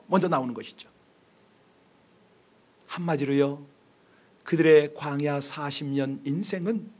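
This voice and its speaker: A man with a notably high voice preaches a sermon from a church pulpit. He drives his points home with rhetorical questions, drops to near-murmurs, then climbs back to loud, pressing emphasis. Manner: swings between quiet, low asides and loud, pressing emphasis. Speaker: pastor. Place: church sanctuary.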